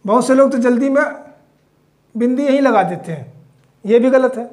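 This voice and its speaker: A man's voice: very high-pitched, moderate pace, a little mellow. A man teaching a Hindi spelling lesson, explaining patiently while writing words out and often checking in with his class. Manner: explanatory, checks in with "theek", mixes in English phrases.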